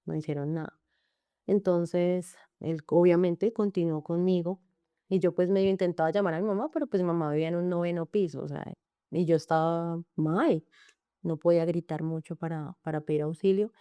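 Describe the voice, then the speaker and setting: A woman's voice: lowish voice, steady tone, normal speed, dark tone, clean tone, no room sound. A woman with a Colombian accent earnestly recounting her own story in an interview, speaking in long run-on sentences and often quoting what others said. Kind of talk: emotional personal testimony in an interview.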